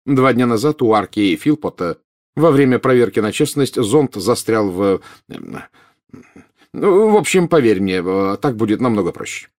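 A man voicing a relaxed, wry young wizard who talks with hesitant fillers. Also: fairly low pitch, normal speed. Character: easygoing young adult wizard brother, wry.

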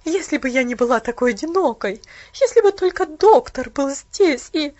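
A woman voicing a stern, bitter middle-aged aunt in mourning, talking sharp and clipped like she's giving orders, read aloud in a storybook. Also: high voice, lively intonation, a little fast, muffled recording. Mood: anguished.

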